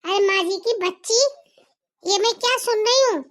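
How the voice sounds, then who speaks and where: A woman performs a bossy middle-aged mother-in-law who barks orders and taunts her daughter-in-law. The voice sits very high and squeaky for such a stern figure. It is a home-made family drama. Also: moderate pace. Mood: scolding. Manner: taunting, commanding.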